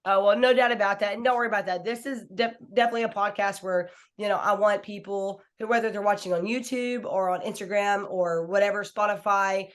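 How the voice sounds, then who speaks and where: A woman's voice: medium pitch, steady tone, a little fast, few pauses. An American woman in her thirties, hosting a podcast in an informal, conversational, enthusiastic way. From small town in Washington, United States. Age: 30s. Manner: enthusiastic, informal, uses y'all and like. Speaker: podcast host. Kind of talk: chill, conversational interview hosting.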